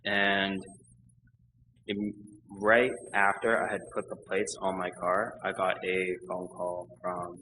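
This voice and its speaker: Animated young man telling his testimony. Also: low voice, slight background noise, low-quality recording. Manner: animated storyteller who acts out his own quoted lines. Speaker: baptism candidate giving testimony. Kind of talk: personal testimony in church.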